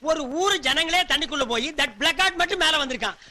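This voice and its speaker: A man's voice: extremely high pitch, animated, a little fast, sharp tone, a little hiss or hum. A man delivering film comedy dialogue, rambling and mocking as he complains to his friends.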